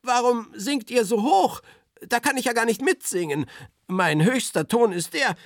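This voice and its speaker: A man's voice: extremely high pitch, normal speed, fairly bright tone, no room sound, studio quality, voice pushed up. Fields: Figure: a man doing a bumbling eager mail carrier. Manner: fussy. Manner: eager, self-important, bumbling. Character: friendly clueless grown-up mail carrier man.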